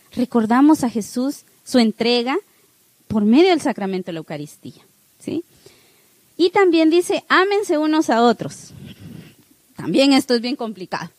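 A woman's voice: high-pitched, dry recording. A woman giving a parish catechesis talk, chatty and full of rhetorical questions to her listeners.

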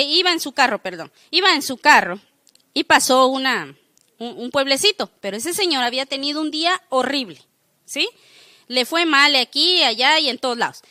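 A woman teaching a faith formation class in an animated way, often checking in with her listeners. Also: high voice, dry recording, studio quality.

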